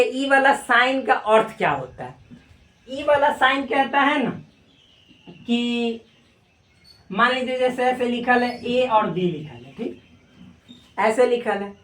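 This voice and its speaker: Female math teacher, slightly high voice, repeats terms patiently, recorded far off in an echoey room. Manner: slow, repeats terms in Hindi and English. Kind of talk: classroom lesson on a whiteboard.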